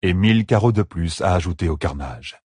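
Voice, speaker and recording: A man narrating a fantasy battle audiobook with steady, dramatic storytelling. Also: low voice, brisk, slightly rough, dry recording.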